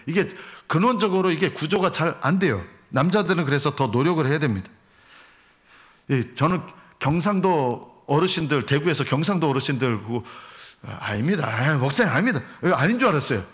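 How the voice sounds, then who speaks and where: A man's voice: medium pitch, fairly bright tone. A middle-aged man preaching a Sunday sermon as a pastor, joking and acting out arguments between husbands and wives. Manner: humorous, acts out husband and wife dialogue. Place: church sanctuary.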